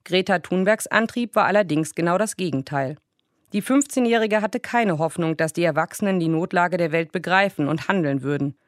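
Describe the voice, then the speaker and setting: A woman presenting a scripted book review on the radio in an even, measured way. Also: lowish voice, no room sound, studio quality.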